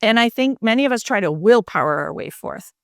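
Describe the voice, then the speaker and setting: A woman's voice: fairly high pitch, lively intonation, fairly quick, dry recording, clean studio sound. A woman physician and mindfulness coach, a podcast guest, explaining her ideas in a reflective, conversational way with many fillers. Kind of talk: conversational interview.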